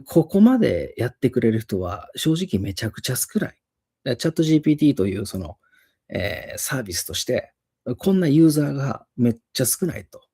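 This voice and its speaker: A man's voice: mid-range voice, sing-song, brisk, mellow, slightly rough. A middle-aged man with an Osaka accent, an English teacher casually retelling a story and often chuckling. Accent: Osaka dialect.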